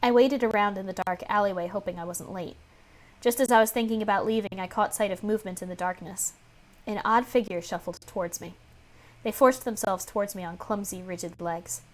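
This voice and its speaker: A woman's voice: mid-range voice, fairly quick. A woman streamer reading a visual novel aloud, mixing narration with casual, sarcastic commentary and easy swearing. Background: faint music.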